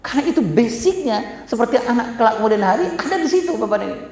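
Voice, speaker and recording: A man's voice: extremely high pitch, big pitch swings, racing, darkish tone. Middle aged guy giving a parenting talk to a hall full of parents, jokes about himself a lot, lots of room echo. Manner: addresses audience directly, frequent self-deprecating humor. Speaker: parenting speaker. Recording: echoey hall.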